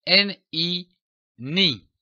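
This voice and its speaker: A man teaching a reading lesson, spelling out syllables slowly and clearly with emphatic delivery. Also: sits high, expressive, sharp tone, no room sound, highs cut off. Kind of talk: slow, deliberate reading lesson.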